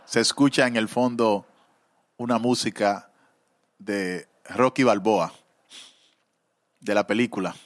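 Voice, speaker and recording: A man preaching a sermon, halting with fillers, then rising into fervent, emotional pleas. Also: lowish voice.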